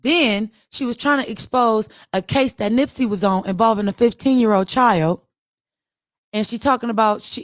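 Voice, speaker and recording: A woman's voice: medium pitch, no room sound. LA-accented young woman host, heated and profane, dry close-mic sound. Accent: Los Angeles. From Los Angeles. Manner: blunt, profane, mocking. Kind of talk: heated casual commentary. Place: online audio room.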